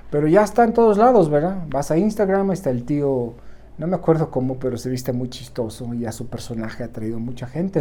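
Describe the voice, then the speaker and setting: A man's voice: fairly high pitch, dark tone. A Mexican man talking casually and encouragingly to his viewers, often tagging his sentences with a questioning "right?". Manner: keeps adding a questioning "right?" tag; encouraging, talks straight to the viewer. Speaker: motivational vlogger. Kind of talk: casual motivational monologue.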